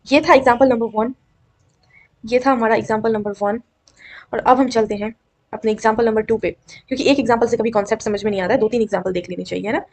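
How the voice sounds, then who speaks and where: A young woman teaching an exam-prep grammar lesson, coaxing and checking often that students follow. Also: a little high. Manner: coaxing, repeatedly checks understanding.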